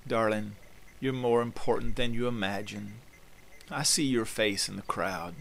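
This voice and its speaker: A man voicing Jesus in his sermon, speaking gently and intimately to a hurting listener. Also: medium pitch, vocal fry, slight background noise, low-quality recording.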